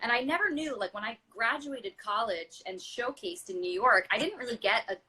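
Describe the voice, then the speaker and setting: A woman's voice: fairly high pitch, animated, normal speed, sharp tone, husky. A woman in her thirties, a stage actress and singer, chatting casually as an interview guest, full of fillers and acting out quoted voices. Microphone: video call.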